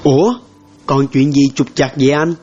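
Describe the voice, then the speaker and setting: A man's voice: medium pitch, fairly even intonation, normal speed, darkish tone, highs cut off, faint music behind, close to an everyday voice. An actor playing a curious younger man who asks polite questions. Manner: polite, inquisitive.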